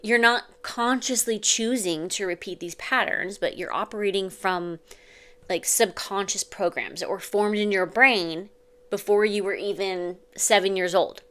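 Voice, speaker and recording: A woman coaching parents in an earnest, confiding way, speaking at a middle pitch for a woman. She sounds like a mother talking straight to other parents, and she keeps checking in with the listener as she goes. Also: a little slow, pushed and bright. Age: adult mother. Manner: earnest, confiding, uses "like" and "okay?". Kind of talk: direct-to-camera advice talk.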